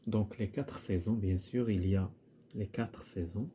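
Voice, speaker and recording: A man's voice: fairly low pitch, a little slow, dark tone, a little hiss or hum. A man teaching a primary school French lesson, hesitant, with many fillers and repeated words. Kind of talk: recorded lesson walkthrough.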